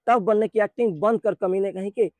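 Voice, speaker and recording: A foul-mouthed teenage bully who swaggers and sneers at everyone, as a man puts him on. The voice sits fairly high and sounds dry and close, with no room around it. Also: steady tone, fairly quick, a little mellow, no echo, natural voice. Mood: taunting. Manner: crude insulting taunts, then begging when hurt. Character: teenage male school bully, crude and boastful.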